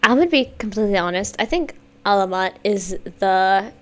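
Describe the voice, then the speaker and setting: A woman giving a casual, campy, sassy music video reaction, gushing and swinging between loud exclamations and hushed asides. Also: medium pitch, expressive, normal speed. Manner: swings from sudden loud outbursts to near-whispered asides.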